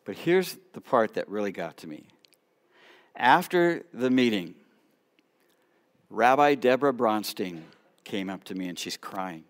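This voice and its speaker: Animated storytelling rabbi, man. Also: fairly low pitch, measured pace, long pauses. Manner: animated storyteller, drops to quiet asides. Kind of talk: storytelling talk to a congregation.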